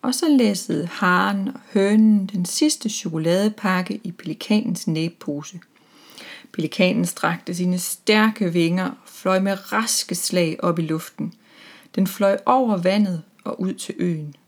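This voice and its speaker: A woman reading a children's story aloud in a calm, even storytelling manner. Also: fairly low pitch.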